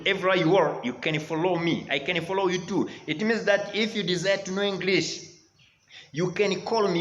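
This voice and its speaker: A man's voice: fairly high pitch, a bit bright, reverberant, poor audio. A man from Rwanda with a Rwandan accent, teaching English and urging viewers on, calling them dear friends again and again. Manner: repetitive, exhorting, keeps saying dear friends. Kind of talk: motivational language lesson.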